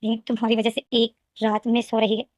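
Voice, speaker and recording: A woman's voice: fairly high pitch, completely flat delivery, fairly quick, a little mellow, no echo, studio quality, natural voice. A woman voicing an angry, scheming young husband who mutters threats, in a storybook retelling. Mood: menacing.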